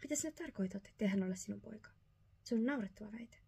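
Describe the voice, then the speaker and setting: Vain, mocking mother mouse voiced by a woman, whispered role-play storybook, raised and husky. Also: medium pitch, lively intonation, warm tone, full character voice. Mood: haughty. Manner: haughty, mocking.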